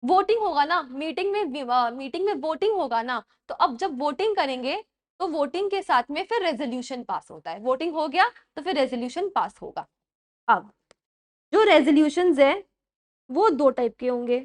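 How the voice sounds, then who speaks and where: This classroom lecture features a young, high-pitched woman teaching in Hindi peppered with English words. She dictates slowly, restates points, and checks in to be sure the students follow.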